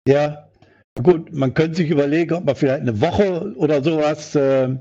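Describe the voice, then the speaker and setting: Male board member, rambling, mellow tone, muffled lo-fi audio. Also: on the high side, moderate pace, husky. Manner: rambling, thinks aloud with fillers. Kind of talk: meeting discussion. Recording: dull lo-fi sound.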